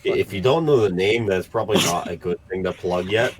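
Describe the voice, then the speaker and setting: Low-voiced man ranting sarcastically. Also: fairly quick, a little hiss or hum, poor audio. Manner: ranting, heavy swearing, sarcastic. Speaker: podcast host. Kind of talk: casual podcast banter.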